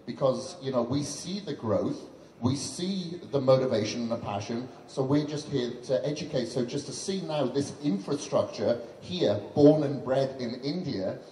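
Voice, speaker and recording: A man's voice: medium pitch, moderate pace, dark tone. A man in his thirties, a fitness trainer, giving an earnest, chatty on-stage speech at a launch event into a handheld mic, with lots of "you know" fillers. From Western country. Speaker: fitness trainer and guest speaker. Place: large event hall on stage. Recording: roomy hall echo with faint background noise.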